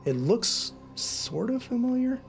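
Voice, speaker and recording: Halting, informal male game master over music. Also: very high voice, sing-song, creaky. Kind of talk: casual improvised tabletop game narration. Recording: music playing behind the voice.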